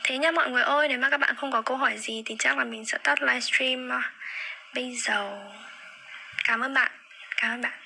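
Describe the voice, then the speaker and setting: Young woman, phone livestream host, chatty, slightly high voice, audible background noise. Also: steady tone, a little fast, creaky, pushed and bright, low-quality recording. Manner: chatty, repeats words while searching for them. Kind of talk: casual livestream chat.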